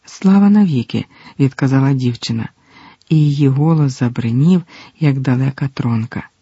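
A man reading a novel aloud in a measured, dramatic narration. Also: medium pitch, warm tone, husky, no echo. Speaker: audiobook reader. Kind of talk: scripted narration. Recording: dull lo-fi, dry.

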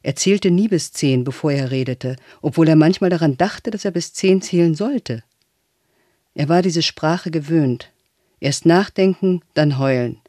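A man narrating a literary audiobook in an even, matter-of-fact way. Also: on the high side, a little slow, dry recording, studio quality.

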